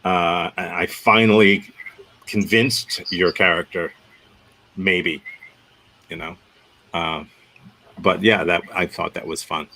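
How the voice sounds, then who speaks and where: Leading an improv workshop, a man gives rambling, upbeat feedback on a scene, correcting himself as he goes, then sets up the next exercise. His low voice is fairly even in intonation, slow with frequent pauses, and sounds pushed and bright on a rough recording.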